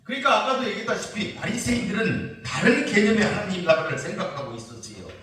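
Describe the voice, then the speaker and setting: Male pastor preaching; animated, somewhat high delivery; heavy church reverb, off-mic. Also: quick pace. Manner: explains scripture verse by verse, mocking quoted questions. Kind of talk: sermon. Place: prayer retreat church. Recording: very echoey church hall, mic at a distance.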